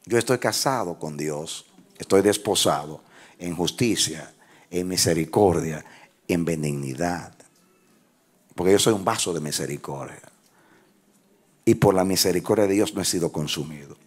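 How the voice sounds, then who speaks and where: A man preaching a sermon as pastor, who leads his congregation in call-and-response and rises into shouted, half-sung phrases. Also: deep voice, normal speed, long pauses, slightly rough. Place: church with congregation.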